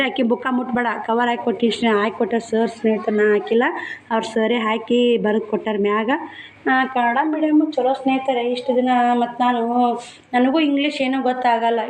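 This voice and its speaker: A woman in her thirties with a North Karnataka Kannada accent, talking plainly and from the heart to her viewers at home as a vlogger. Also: a little high. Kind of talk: casual talk to viewers. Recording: echoey room, faint noise.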